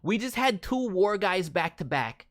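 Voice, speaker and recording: Reviewing demo reels as a voice director, this man offers casual critique full of enthusiasm and encouragement. His voice sits high with a fairly bright tone, very animated yet unhurried.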